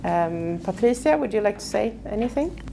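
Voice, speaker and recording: A woman hosting an event, opening it with slow, halting speech full of fillers. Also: mid-range voice, expressive, creaky, background noise. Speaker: host. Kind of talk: casual event introduction.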